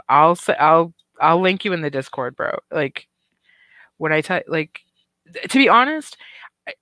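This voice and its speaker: A woman's voice: sits low, sharp tone, dry recording. Rambling, profane middle-aged woman streamer. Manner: rambling and profane, with many "um" and "like" fillers. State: has the hiccups. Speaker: livestream commentary host. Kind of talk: casual livestream chat, reading viewer comments.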